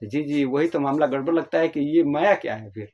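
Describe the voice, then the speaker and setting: A man's voice: a little high, fairly quick, a little mellow, muffled recording. A man from northern India casually about spiritual questions, repeating himself and acting out small everyday dialogues as examples. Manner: repetitive, explains with homely examples, acts out little dialogues.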